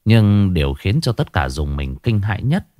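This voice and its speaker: A man narrating a scripted ghost story in a dramatic, expressive reading. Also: fairly low pitch, moderate pace, no echo, clean studio sound.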